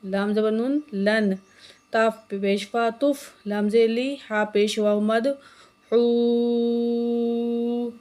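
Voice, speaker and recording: A woman teaching Quran reading, spelling out letters and vowel marks, then reciting each word slowly, with quick explanations and frequent checks on the learner. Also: medium pitch, steady tone, darkish tone.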